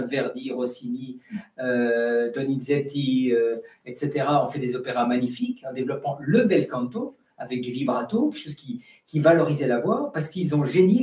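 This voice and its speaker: A man's voice: on the high side, warm tone. A middle-aged man, an Orthodox priest giving an unscripted catechesis talk, full of restarts and sung-out example syllables. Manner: many restarts and fillers, sings out syllables as examples. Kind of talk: spontaneous teaching talk. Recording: roomy sound from a distance.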